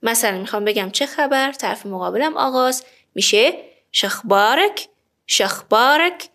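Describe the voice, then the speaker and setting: A woman gives a spoken language lesson. Her voice sits a little high, and she says each phrase and then repeats it slowly and clearly for her learners. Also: animated, fairly bright tone. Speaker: language teacher.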